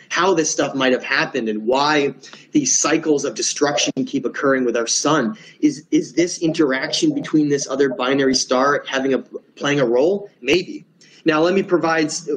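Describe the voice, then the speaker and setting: A man's voice: fairly high pitch, poor audio. A man presenting in a casual lecture, earnest and emphatic, often restarting words.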